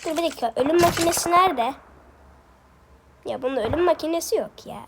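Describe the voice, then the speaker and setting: A woman streaming gameplay in casual chat, excitably coaxing and scolding game characters and apologizing to her viewers. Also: high voice, fairly quick, noisy background. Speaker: gaming streamer. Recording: loud game gunfire behind voice. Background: loud game gunfire and clicks.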